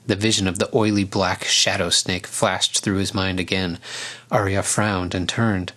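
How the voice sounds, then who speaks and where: Man, storybook narrator, calm, even reading, somewhat low voice. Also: moderate pace.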